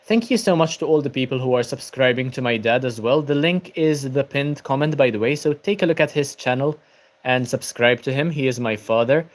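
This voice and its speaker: On a casual book livestream run from his home laptop, a young adult from Malta reads viewer comments and answers them, sounding tired. He's a native Maltese speaker with a mid-range voice and fairly quick pace, relaxed, heavy on ums, and he greets viewers by name.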